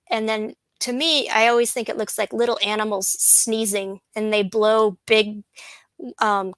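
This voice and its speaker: A woman botanist talks through her slides at an easy pace, often pausing with an um or starting a sentence over. Her voice sits a little high. The recording is dry and close, with no room sound. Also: fairly bright tone, clear, resonant tone, no echo, rough recording. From USA. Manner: unhurried, with frequent ums and restarts. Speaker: botanist giving a presentation. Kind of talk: slide lecture, casual.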